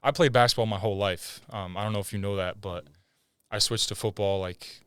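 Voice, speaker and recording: A young man hosts a relaxed podcast conversation in a somewhat low, smooth, clear voice. He talks easygoing and slangy, tossing in "bro" and "like." The close mic sounds dry. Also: brisk, dry recording. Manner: laid-back, slangy, says "bro" and "like". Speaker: podcast host. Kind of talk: casual podcast interview.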